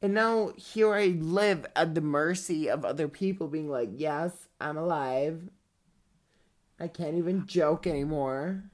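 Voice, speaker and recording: A man's voice: fairly high pitch, normal speed, few pauses. A man who speaks English as a second language, chatting casually and bluntly as a podcast co-host, swearing freely. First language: not English. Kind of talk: casual chat.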